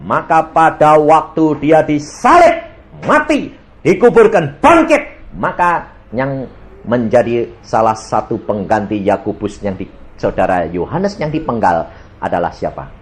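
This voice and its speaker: A middle-aged male pastor, preaching a sermon that jumps between loud bursts and low asides and mixes in everyday local speech. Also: very animated, measured pace.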